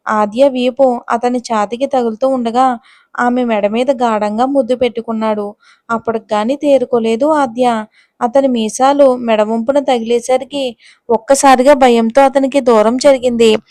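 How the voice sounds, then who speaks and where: A woman storyteller giving a steady, scripted narration of a romance audio story. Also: on the high side, dry recording, clean studio sound.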